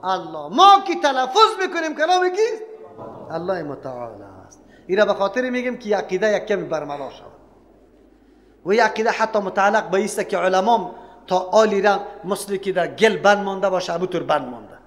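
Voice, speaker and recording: A man's voice: high voice, expressive, fairly bright tone, in a large hall. A man with an Afghan Dari accent giving a Quran commentary lesson, lecturing emphatically and firing off rhetorical questions. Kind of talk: sermon-style Quran lesson.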